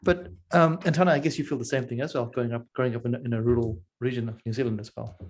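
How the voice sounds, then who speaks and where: A man's voice: mid-range voice, fairly even intonation, very fast, faint music behind. A man from Zimbabwe, hosting a casual interview podcast and eagerly affirming his guest. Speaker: podcast host.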